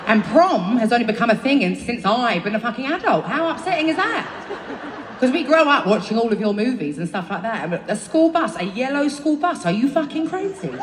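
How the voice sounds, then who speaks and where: Between songs, a London-accented woman on stage talks in a slightly high, very animated, brisk voice over a noisy background. She rambles, swears and laughs at herself, and the live audio comes from far off in an echoey arena with the crowd.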